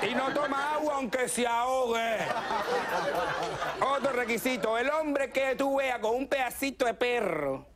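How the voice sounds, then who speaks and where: A male stand-up comedian, performing a fast, animated routine and mimicking voices before a live audience. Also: very high voice.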